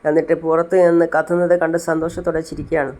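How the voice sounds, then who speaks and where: A woman casually retelling a television serial in an animated storytelling way. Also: sits low, fast. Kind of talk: casual serial recap narration.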